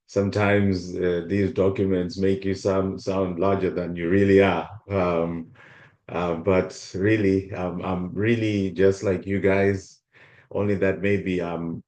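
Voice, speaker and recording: A Zimbabwean man in his forties, a guest speaker, has a low, slightly mellow voice and talks informally at a workshop over a video call. He is hesitant, full of ums and false starts, and the audio sounds roomy.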